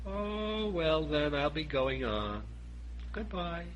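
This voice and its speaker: A man voicing a slow-witted, greedy, good-natured bear in a storybook, plaintive and prone to anxious exclaiming. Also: a little high, sing-song, lo-fi sound, slight background noise, pitched above the performer's own voice. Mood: polite, eager.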